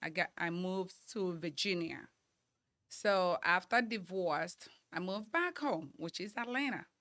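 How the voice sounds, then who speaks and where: A woman's voice: lowish voice, animated, measured pace, fairly bright tone. A woman, giving earnest, upbeat interview answers as a guest. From Nigeria. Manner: earnest, upbeat, talks in long runs. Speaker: guest, model trainer and banker.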